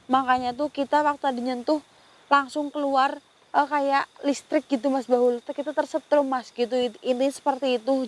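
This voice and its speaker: A woman narrating a paranormal investigation on location, talking earnestly to a companion and often stopping to pray or exclaim in alarm. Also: high voice. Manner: frequently addresses a companion directly. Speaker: ghost-hunting vlogger.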